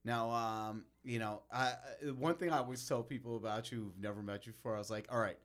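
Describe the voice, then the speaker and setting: A man's voice: medium pitch, fairly even intonation, fairly quick, fairly bright tone. A man hosting a podcast, chatting casually, agreeing readily and egging his guest on. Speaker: podcast host. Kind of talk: casual chat.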